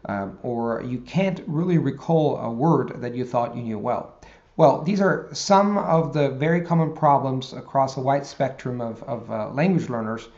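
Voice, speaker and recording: Facing the camera, a language teacher, a native Italian speaker, walks viewers through vocabulary tips, pausing as he explains in a measured manner. The medium-pitched voice is slightly mellow, and the sound quality is lo-fi.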